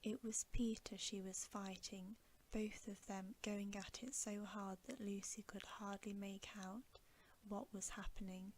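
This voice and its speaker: In a breathy whisper, a woman reads a bedtime story for ASMR with quiet, unhurried, gentle delivery. Her voice sits mid-range with little variation in pitch.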